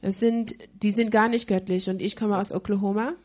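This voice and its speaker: A woman's voice: medium pitch, fairly even intonation, a little fast, darkish tone. A woman interpreting a sermon live, hesitant, with frequent fillers and restarts as she searches for words.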